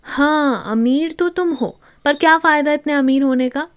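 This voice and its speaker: A woman voicing a drunk, playful young wife who teases and whines, a little higher than usual. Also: unhurried. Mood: teasing. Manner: petulant, whiny shouting.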